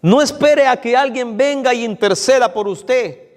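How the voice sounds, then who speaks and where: High-voiced preacher in a reverberant hall. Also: male voice, measured pace. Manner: addresses the congregation directly, repeats phrases for emphasis. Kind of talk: evening church sermon. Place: church hall. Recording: long reverb of a church hall.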